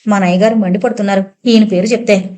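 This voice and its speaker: A woman's voice: mid-range voice, fairly even intonation, fast, dark tone, lightly acted. Woman voicing a chatty village servant man. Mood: deferential. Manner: village dialect, deferential.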